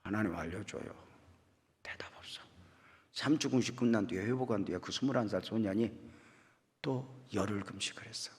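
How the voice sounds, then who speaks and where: A middle-aged male guest pastor preaching a revival sermon, telling a story with acted-out dialogue and swinging between soft asides and loud outbursts. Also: lowish voice, brisk. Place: church sanctuary. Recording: long reverb in a church hall.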